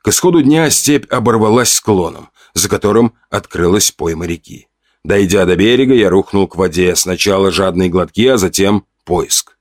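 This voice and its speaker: Low-voiced male audiobook narrator. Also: normal speed, dry recording, clean studio sound. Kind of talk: first-person audiobook narration.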